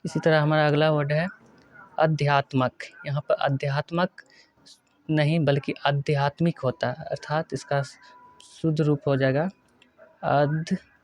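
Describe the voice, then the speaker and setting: A male teacher giving a spelling lesson, working through words one by one and repeating each correct form slowly. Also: a little high, little pitch movement, dry recording. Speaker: Hindi grammar teacher. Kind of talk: exam-prep lesson.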